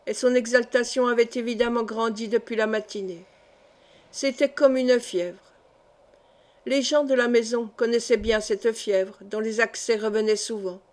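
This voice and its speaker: A woman reading a historical novel aloud in a measured, solemn narration. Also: a little high, darkish tone. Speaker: audiobook reader. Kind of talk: scripted narration.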